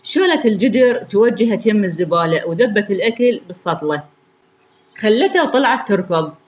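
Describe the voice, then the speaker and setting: A woman's voice: medium pitch, expressive, fairly quick, highs cut off. A woman with an Iraqi accent telling a sorrowful story in the first person, in an intimate way.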